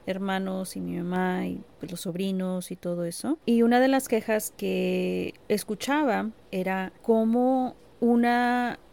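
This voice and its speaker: Woman co-host, gravelly tone, reflective and measured in casual chat. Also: mid-range voice, steady tone, mellow. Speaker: podcast co-host. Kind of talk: casual conversation.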